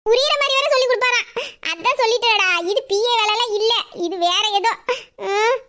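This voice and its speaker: A woman voicing a sharp-tongued young office assistant in an audio drama, grumbling asides under her breath. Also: extremely high pitch, moderate pace. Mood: exasperated. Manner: grumbling asides, exasperated muttering. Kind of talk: Tamil audio drama acting.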